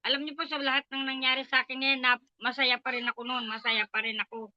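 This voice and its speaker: Older filipino lady sharing her testimony, earnest and emotional, really bright tone, kinda muffled lo-fi audio. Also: high voice, flat delivery, quick pace, no echo. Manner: emotional, earnest, retelling prayers aloud. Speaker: church member giving testimony. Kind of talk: personal testimony at a prayer meeting.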